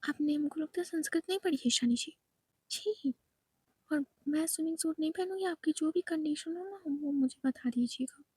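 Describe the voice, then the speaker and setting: Woman doing a prim, reluctant young wife, soft voice, high, dry recording. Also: normal speed, no room sound, natural voice.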